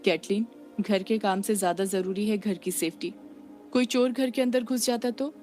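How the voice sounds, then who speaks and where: A woman's voice: mid-range voice, moderate pace, a little mellow, soft background music, lightly acted. A woman voicing a mother of a young girl, affectionate with her daughter but firm when ignored. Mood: scolding.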